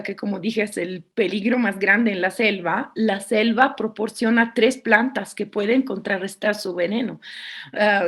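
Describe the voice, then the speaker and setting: A woman from Italy, speaking with an Italian accent, explaining her research in an earnest, measured seminar talk. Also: mid-range voice.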